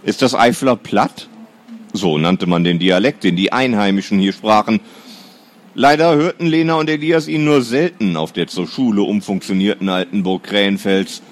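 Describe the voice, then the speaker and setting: A man narrating a children's story in a lively storytelling manner. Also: fairly low pitch, normal speed. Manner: lively storytelling, swings between lifted and dropped tones.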